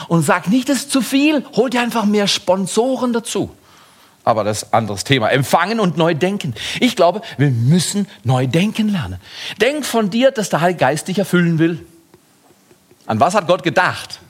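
Husky male preacher, lively and hushed by turns. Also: medium pitch. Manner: lively preaching with sudden rises and hushed drops. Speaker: pastor. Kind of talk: sermon.

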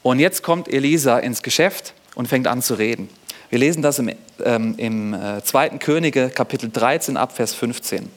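A man preaching a sermon, retelling a bible story in a lively, conversational way with rhetorical questions and fillers. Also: medium pitch, normal speed.

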